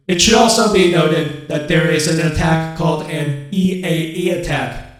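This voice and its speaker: A man voicing a stiff, formal male robot sidekick in a monotone robot voice that says beep boop. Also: on the high side, natural voice. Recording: echoey, loud music behind.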